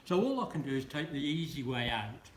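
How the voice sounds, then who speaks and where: A man's voice: medium pitch, big pitch swings, brisk. A man in his seventies giving a wedding speech, with dry, self-mocking humour and teasing asides to the couple. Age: 70s. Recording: roomy hall with faint noise.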